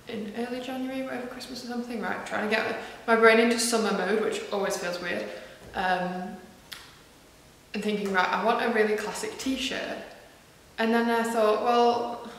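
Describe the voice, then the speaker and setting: With a fairly bright, mid-range voice, a northwest English woman who designs knitwear chats casually to the camera. She's self-deprecating, with plenty of ums and asides. There's a little hiss or hum, and the large room in her house makes the recording very echoey.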